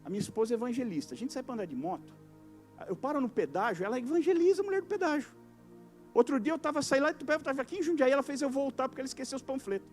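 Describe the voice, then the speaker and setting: In a church, a high-pitched male pastor with a Brazilian Portuguese accent races through a lively evangelical sermon for a youth service. He swings from booming lines to near-whispers and acts out everyday conversations as little dialogues. Soft music lingers behind him.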